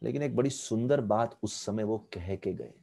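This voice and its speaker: A man telling a devotional story as a spiritual teacher, animated, with English phrases mixed in, speaking on an online video call. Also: lowish voice, normal speed, creaky.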